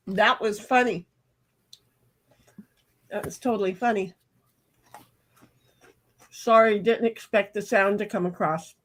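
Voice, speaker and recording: Speaking slowly and leaving long pauses, this woman rambles chattily while streaming cards online with friends. She's at home in a hot room and describes her own voice as high and pitchy; it's casual talk over the game.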